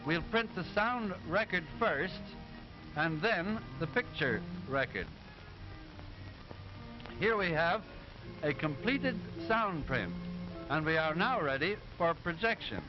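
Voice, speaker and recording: Narrating an explanation of sound film, this patient cartoon professor from an early talkie instructs his pupils about machinery in a high voice. He speaks deliberately and didactically with crisp enunciation, and the old, dull soundtrack carries background music.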